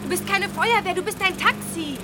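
An actress in a children's audio drama playing a cheerful, sensible young child who gently chides a friend. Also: female voice, extremely high pitch, normal speed. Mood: chiding. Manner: lively, gently chiding. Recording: clear background ambient noise.

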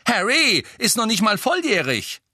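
Storybook figure: an angry, mocking teenage twin boy, put on by a man, shrill and bright. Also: sing-song, takes it slowly, no echo, studio quality, full character voice.

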